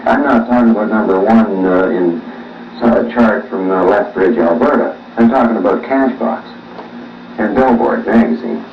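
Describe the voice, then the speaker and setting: A man, a musician, answering interview questions with many pauses and fillers, heard on old worn tape. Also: fairly low pitch. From Canada. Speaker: musician guest. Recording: echoey, distant, dull old tape with faint hiss.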